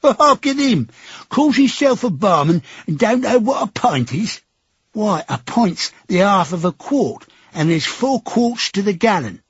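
A man's voice: high voice, sing-song, measured pace, slightly rough, dry recording, voice pushed up, full character voice. A man voicing a pugnacious, grumbling old working-class drinker, in an audiobook. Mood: scornful. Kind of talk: audiobook character voice. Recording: dry, dull lo-fi.

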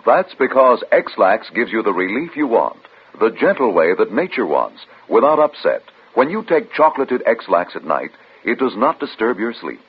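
A man's voice: lowish voice, sing-song, moderate pace, slightly rough. A man reading a chipper 1950s radio commercial as an announcer, on a dull vintage broadcast.

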